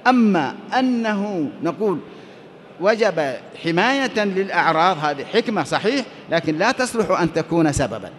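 A man's voice: high-pitched, expressive, normal speed, slight background noise. A man giving a classroom lecture on Islamic law, explaining step by step and posing questions he then answers himself. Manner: explanatory, asks and answers his own questions. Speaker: teacher of Islamic jurisprudence.

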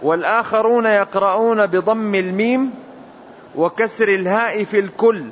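A man reading a classical commentary aloud in a measured, deliberate recitation, as a student before his teacher. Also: high-pitched. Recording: dull lo-fi recording with faint hiss.

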